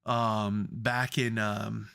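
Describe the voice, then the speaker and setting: A man with a bright, forceful voice co-hosts a casual sports podcast. He tells worked-up, profanity-laced stories and talks loosely about football. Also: fairly low pitch, flat delivery, drawn-out words, vocal fry, smooth. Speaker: podcast co-host.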